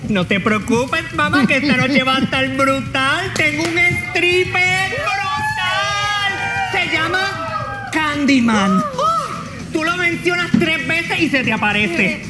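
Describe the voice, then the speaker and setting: An actress playing a bossy, excitable bachelorette party friend in a TV comedy sketch. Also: female voice, very high-pitched, takes it slowly, full character voice. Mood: excited. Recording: loud music and crowd noise.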